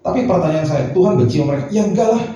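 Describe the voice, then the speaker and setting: A middle-aged man, a pastor, preaching a lively sermon full of slangy asides and rhetorical questions. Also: on the high side, fast. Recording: echoey hall from a distant mic, dull sound, music behind.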